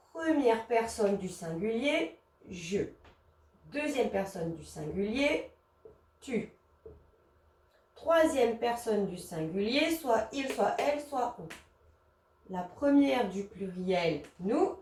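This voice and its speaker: A woman teacher patiently explaining a grammar lesson to young children, gentle and encouraging, spelling out letters one by one. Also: fairly high pitch, echoey room, far from the mic.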